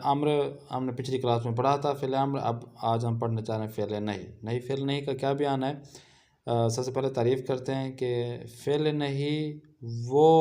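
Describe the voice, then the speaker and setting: A man teaching a grammar lesson, explaining rules and spelling out example phrases slowly and deliberately. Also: medium pitch, warm tone. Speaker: Persian language teacher.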